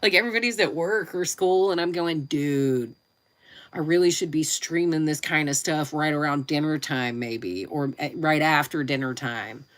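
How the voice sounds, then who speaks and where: Low-voiced, nasal woman chatting casually. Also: normal speed. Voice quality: nasal, congested. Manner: informal, chatty, rambling. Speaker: live streamer and YouTube creator. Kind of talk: casual live stream chat.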